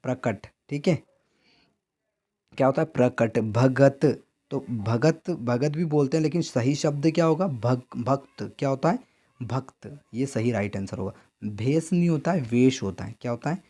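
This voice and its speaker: A male teacher with a Madhya Pradesh Hindi accent runs an exam-prep lesson. His voice is mellow and warm, sitting in a middling pitch. He keeps asking his own questions and answering them, with a steady "theek hai" after each point. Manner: repeats answers as questions to students; frequent "theek hai" check-ins.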